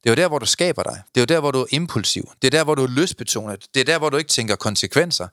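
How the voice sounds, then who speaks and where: A man speaks in an animated, blunt way on a casual podcast. His voice sits at an ordinary pitch. It is recorded close and dry, with no room sound. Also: no room sound. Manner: animated, blunt, tells crude anecdotes. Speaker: podcast co-host.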